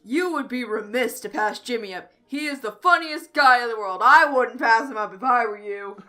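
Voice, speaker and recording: A woman's voice: fairly high pitch, very animated, slow pace, bright, forceful tone, voice pushed up, full character voice. A woman reading a fanfic aloud, voicing a goofy teenage boy hyping up his friend. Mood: mock-serious. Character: goofy teen boy wingman player.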